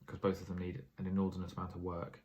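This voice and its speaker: A man's voice: deep voice, completely flat delivery, fast talker, a little mellow, slight background noise. A tired man giving a casual vlog update on his property investing, rambling with plenty of fillers and self-corrections. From England.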